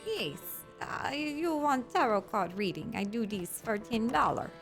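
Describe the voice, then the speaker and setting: A woman playing an earnest foreign fortune teller who sells tarot readings, speaking halting broken English in an improvised role-play. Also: on the high side, very animated, a bit bright, soft background music, full character voice. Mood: soliciting, businesslike.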